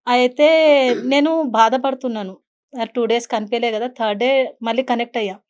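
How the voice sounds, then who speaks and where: A woman's voice: fairly high pitch, fairly even intonation, a little fast. A woman, a podcast guest earnestly telling a personal story and acting out quoted speech. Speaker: guest, beautician and meditation teacher.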